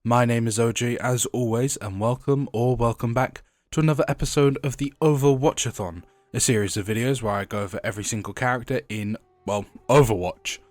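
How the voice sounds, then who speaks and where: This is scripted video essay narration from a congested young man fighting a head cold, reading game lore and adding conversational asides. He talks briskly in a slightly mellow, medium-pitched voice with hardly any pauses, and the recording has no room sound.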